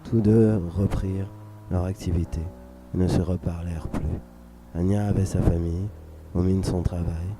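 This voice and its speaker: A man reading a scripted dramatic story for radio in a measured, solemn, literary way. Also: sits low, fairly even intonation, mellow. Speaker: narrator. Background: music under the voice.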